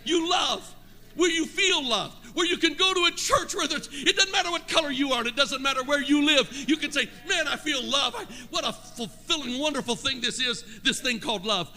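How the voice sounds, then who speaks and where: A man's voice: extremely high pitch, moderate pace, pushed and bright. An older man preaching a sermon to a congregation, calling out to them for answers and shifting between homely stories and fervent appeals. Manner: preaching with rising fervor, asks the congregation for responses. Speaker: pastor. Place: church sanctuary before a congregation. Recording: live church sound with long hall reverb.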